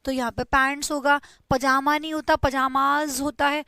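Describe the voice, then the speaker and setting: A young woman teaches an English grammar lesson with a high, bright-pitched voice. She explains patiently, repeats each word and drills the correct forms. The recording is close and dry. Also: level tone, fairly quick, no echo. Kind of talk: Hindi-language grammar lesson.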